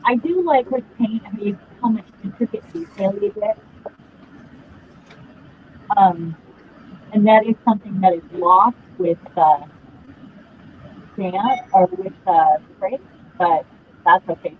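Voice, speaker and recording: Woman crafter, off-mic and muffled underwater-sounding, halting chatter, thin phone-like call audio. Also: mid-range voice, expressive. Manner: rambling, halting with ums. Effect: muffled underwater-sounding voice, away from the mic. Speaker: crafter demonstrating gel printing. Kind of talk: casual crafting chat on a call. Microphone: video call. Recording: tinny video-call line with faint noise.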